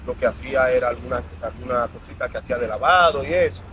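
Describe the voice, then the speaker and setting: Speaking fast at a medium pitch, a man from the Dominican Republic reflects earnestly on his life story as a guest in an interview. The clip is recorded with outdoor traffic noise.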